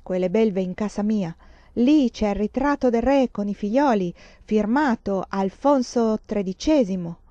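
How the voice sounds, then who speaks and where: A woman's voice: medium pitch, animated, unhurried, dark tone, no room sound, dull audio, lightly acted. A woman reading a novel voices a wealthy older lady lamenting her lost home. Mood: indignant. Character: wealthy older woman, indignant, clinging to old ways.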